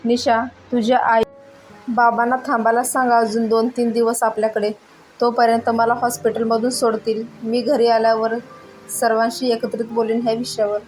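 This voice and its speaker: A woman voicing a troubled middle-aged husband in a spoken story, read in a plain, even voice. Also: fairly high pitch, moderate pace, soft background music, natural voice, rough recording. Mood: weary. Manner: flat, plain reading voice.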